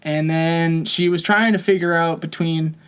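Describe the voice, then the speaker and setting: Young man telling animated stories. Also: fairly high pitch, measured pace, clear, resonant tone. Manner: animated storyteller, quoting others with voices. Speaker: podcast co-host. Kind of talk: casual chat.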